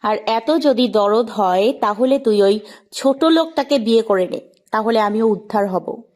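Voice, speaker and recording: A woman's voice: on the high side, unhurried, a little mellow, close to an everyday voice. A woman playing a scornful bossy young wife. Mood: contemptuous. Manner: harsh, contemptuous, bossy. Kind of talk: audio drama acting.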